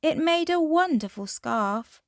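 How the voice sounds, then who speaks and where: A woman reading a children's storybook aloud in an expressive, measured fairy tale opening manner. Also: sits high, no room sound, studio quality.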